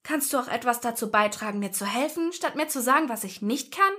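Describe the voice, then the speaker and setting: A woman's voice: a little high, lively intonation, fairly quick, bright, forceful tone, slightly rough, voice pushed up, exaggerated voice. A woman voicing a stubborn, wounded young witch who speaks defiantly and a little breathlessly. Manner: defiant, pleading, short of breath.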